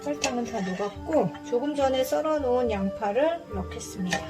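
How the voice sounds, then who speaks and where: A woman's voice: fairly high pitch, lively intonation, a little fast, music in the background. A woman cooking vlogger giving casual step-by-step narration, chatty and polite as she talks straight to viewers.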